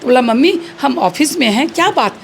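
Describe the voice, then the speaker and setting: A woman's voice: high-pitched, fairly quick, creaky, a little hiss or hum. A woman in her fifties retelling how she was scammed, acting out the dialogue with feeling. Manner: animated, acts out quoted dialogue. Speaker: fraud victim. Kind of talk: emotional retelling.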